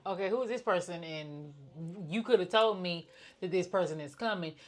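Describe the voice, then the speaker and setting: A woman co-hosting a podcast in casual chat, speaking in a flat, nonchalant, one-tone way. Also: fairly low pitch, normal speed, slight background noise. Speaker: podcast co-host.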